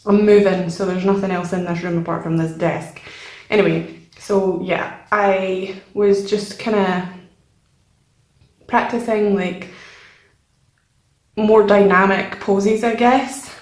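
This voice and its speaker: A woman's voice: mid-range voice, fairly even intonation, takes it slowly, pauses often, darkish tone. A young woman chatting casually and a little hesitantly as she hosts a vlog, informal and self-deprecating, recorded in a bare, echoey room. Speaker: channel host showing a sketchbook. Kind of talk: casual chat, vlog voice-over. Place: nearly empty room indoors with only a desk.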